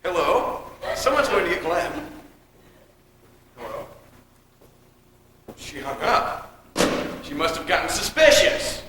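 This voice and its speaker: A man's voice: high-pitched, sing-song, background noise, exaggerated voice. A young man acting in a school stage play, playing a flustered, bossy man who snaps at the others. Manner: exasperated, bossy, fast-talking. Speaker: actor in a high school play. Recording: echoey school auditorium, long reverb.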